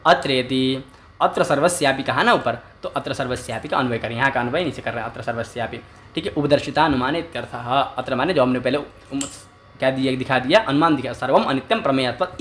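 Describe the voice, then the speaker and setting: A man's voice: medium pitch, fairly bright tone. A man teaching a classical Sanskrit logic text as a lecture, often asking rhetorical questions and answering them himself, and repeating key terms.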